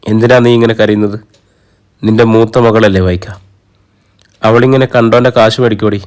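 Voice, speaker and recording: A man's voice: lowish voice, fairly even intonation, normal speed, a little mellow, natural voice. A man voicing a stern, scornful elderly matriarch who scolds her family without flinching. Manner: cutting, scolding.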